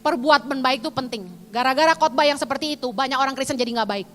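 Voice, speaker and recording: A woman preaches in a bright, high voice, telling a story with animated, dramatic bursts. Her voice rings with the long reverb of a large hall. Soft music plays faintly behind her. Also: quick pace. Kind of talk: sermon with personal testimony.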